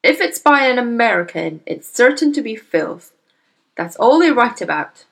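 A woman's voice: a little high, big pitch swings, very slow, gravelly, a little mellow, voice pushed up, heavily acted. A woman voicing a bad-tempered bullying father who barks and sneers. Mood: scornful. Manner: snapping, barking, sneering.

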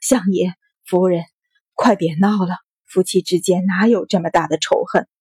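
A woman's voice: medium pitch, moderate pace, dark tone, breathy edge, no room sound. A woman voicing an older household servant who coaxes and pleads to keep the peace. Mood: coaxing. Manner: coaxing and pleading.

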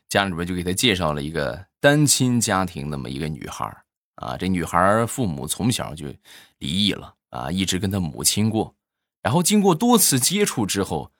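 A man rattles off short jokes in a relaxed, chatty way. His voice sits low but rises and falls a great deal. The recording is close and dry. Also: dry recording. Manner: chatty, storytelling with frequent "啊" tags. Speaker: comic storyteller.

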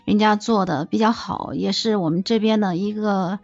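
A woman's voice: mid-range voice, moderate pace, vocal fry, dry recording, dull audio. A woman guest on a podcast, chatting casually and telling playful, joking stories, acting out the lines of the people in them. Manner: lively, acts out quoted dialogue; playful, wisecracking. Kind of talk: casual storytelling chat.

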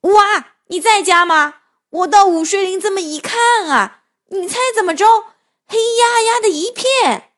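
A woman's voice: very high voice, lively intonation, unhurried, a bit bright, voice pushed up, full character voice. Woman doing a chuckling big grey wolf. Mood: gleeful. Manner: gleeful, chuckling to himself. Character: cheerful greedy big grey male wolf.

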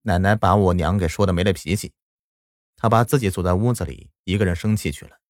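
A man's voice: low voice, fast talker, dry recording, clean studio sound. A man narrating a first-person story in a plain, reflective way.

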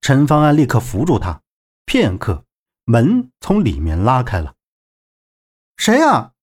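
A man narrating a novel as an audiobook in an expressive storytelling manner. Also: mid-range voice, a little slow, husky.

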